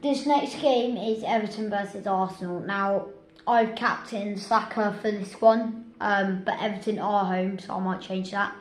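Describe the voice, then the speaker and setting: A woman's voice: mid-range voice, steady tone, a little slow, soft background music. A woman hosts a casual football prediction chat, talking in a chatty, hesitant way with many restarts. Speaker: host. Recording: echoey room, faint noise.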